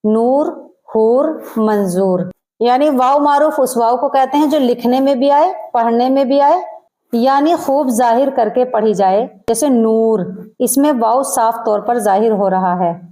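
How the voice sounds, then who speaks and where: A woman with an Urdu accent teaching a grammar lesson, explaining terms and slowing down to pronounce example words carefully. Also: sits high, warm tone.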